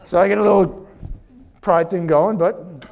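A man's voice: high-pitched, fairly even intonation, measured pace, creaky, a little mellow. A middle-aged man preaching a sermon as pastor, impassioned and preachy, sweating as he talks. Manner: impassioned, preachy, acts out little dialogues.

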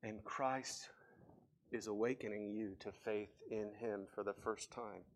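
A man, a pastor, preaching a sermon and telling a story with impassioned rises and quiet drops. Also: on the low side, steady tone, measured pace. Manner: impassioned storytelling, rising and falling emphasis.

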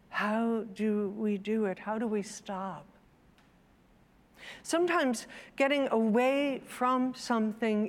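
Woman speaker, sermon and story reading, slow and measured, higher voice, long hall reverb. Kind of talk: read-aloud story, then reflective sermon.

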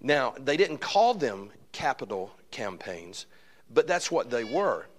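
A man's voice: mid-range voice, very animated, takes it slowly. A man with an Alabama accent addressing a church congregation as a guest speaker, folksy, often repeating and restarting his words. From Alabama, United States. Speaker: guest pastor and church fundraising consultant.

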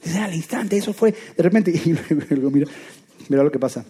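A man preaching a sermon in a lively, conversational way, often asking his listeners rhetorical questions. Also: a little high, a little fast, husky.

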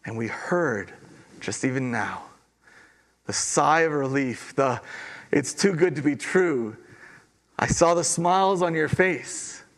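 A man delivering a sermon to his congregation. He talks in a casual, storytelling way and acts out the people in the parable. His voice sits a touch high. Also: slow, pauses often. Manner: conversational, animated storytelling with acted quotes. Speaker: pastor.

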